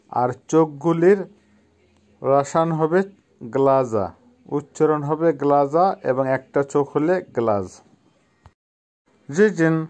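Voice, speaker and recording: A man in his fifties from Bangladesh teaching a vocabulary lesson, repeating each word slowly so it can be pronounced. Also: fairly high pitch, darkish tone. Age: 50s. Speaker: language teacher.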